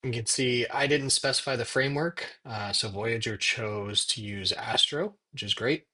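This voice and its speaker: A man giving a casual software tutorial, thinking aloud as he works at his computer. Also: mid-range voice. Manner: thinks aloud while typing, dictating prompts in slow pieces. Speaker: software demo presenter. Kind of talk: casual screen-recorded tutorial narration.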